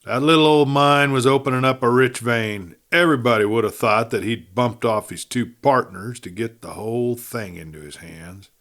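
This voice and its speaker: Voicing a dying outlaw in a Western audiobook, a man delivers a gasping confession in a rustic cowboy drawl, low and breathy, desperate and sneering, pleading urgently. He keeps a moderate pace with hardly any pauses, and his voice is a bit bright and close to everyday.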